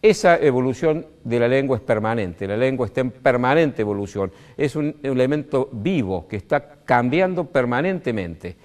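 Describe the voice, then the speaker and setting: Give me an Argentine man from Córdoba explaining grammar in a didactic way, with lively stresses and frequent "este" fillers. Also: medium pitch, moderate pace, hardly any pauses. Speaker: speaker on language. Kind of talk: explanatory talk.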